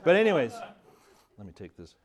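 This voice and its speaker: A man in his thirties from Montreal telling a family story in a casual, animated way, often laughing and restarting his sentences. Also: mid-range voice, fairly quick. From Montreal, Canada.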